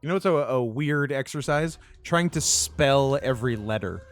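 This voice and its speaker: A man's voice: mid-range voice, lively intonation, moderate pace, faint music behind. A man in casual comedic banter as a gaming co-host, riffing playfully and stammering into repeated words.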